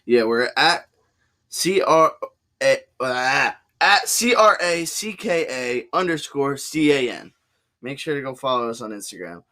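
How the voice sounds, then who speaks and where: A young man co-hosting a podcast in a relaxed, conversational way. His voice sits at an ordinary mid pitch, and he swears casually as he talks. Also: measured pace. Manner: laid-back, swears casually. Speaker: podcast co-host. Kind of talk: casual chat.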